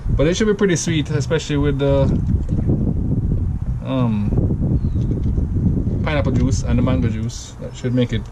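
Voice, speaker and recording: This Jamaican man, a home cocktail vlogger, chats his way through a drink recipe in a loose, rambling demo, frequently correcting himself. His medium-pitched voice moves at a moderate pace with many pauses. The recording is very noisy.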